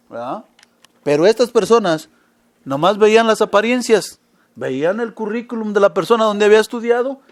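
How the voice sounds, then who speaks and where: Male preacher, high voice, peppers his sermon with rhetorical questions. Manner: asks listeners frequent rhetorical questions.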